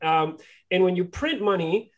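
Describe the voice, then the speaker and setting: A man's voice: high-pitched, expressive, measured pace, highs cut off. A man from Venezuela answering interview questions, often restarting and repeating words. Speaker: guest, company co-founder.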